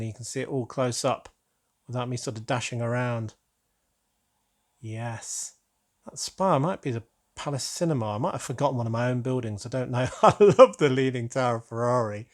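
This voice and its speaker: A British man hosting his own channel, chatting casually and gushing with delight as he unboxes a gift, full of rambling asides. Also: mid-range voice. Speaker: LEGO channel host.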